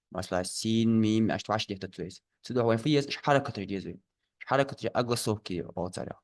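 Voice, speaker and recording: A man with a fairly low voice leads a Quran lesson. He names each Arabic letter and vowel sound slowly and carefully, often saying it twice. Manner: slow, deliberate pronunciation, repeating each letter. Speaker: Quran teacher.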